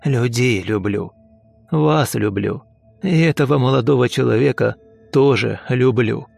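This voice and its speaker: A man voicing a calm, unshakable old taxi driver who speaks slowly and evenly, gently insistent. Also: medium pitch, creaky, breathy edge, no room sound, faint music behind, heavily acted. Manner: slow, even, gently insistent.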